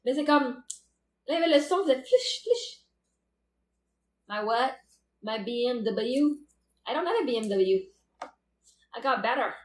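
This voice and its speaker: Chatty high-voiced woman with Québécois accent. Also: animated, moderate pace, long pauses, reverberant. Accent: Québécois French. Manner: chatty and playful, laughs often. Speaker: livestream host chatting with viewers. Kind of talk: casual live chat.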